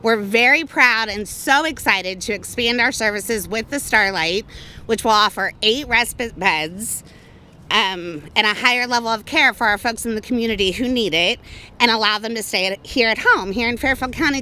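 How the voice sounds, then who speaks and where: A woman's voice: on the high side, normal speed, sharp tone. A woman, a communications officer, giving an upbeat, formal ceremony speech.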